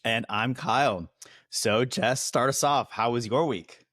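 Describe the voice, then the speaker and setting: A man co-hosting a podcast in casual chat, relaxed and joking, with lots of "like" and "you know". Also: mid-range voice, a little slow, dry recording, clean studio sound. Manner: relaxed, joking, uses 'like' and 'you know' a lot. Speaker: podcast co-host.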